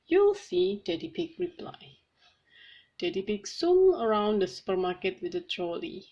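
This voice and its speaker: A woman reading a children's picture book aloud with slow, clearly paced reading. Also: medium pitch, big pitch swings, darkish tone. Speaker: storybook reader. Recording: slightly muffled with faint hiss.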